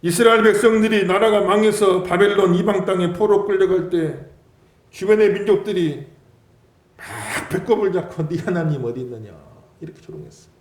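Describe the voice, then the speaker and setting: A man preaching a sermon as pastor, dramatic, acting out mocking taunts and swinging between loud and soft. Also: high voice, moderate pace. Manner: dramatic preaching with mocking quoted taunts, swelling and dropping loudness. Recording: echoey church hall.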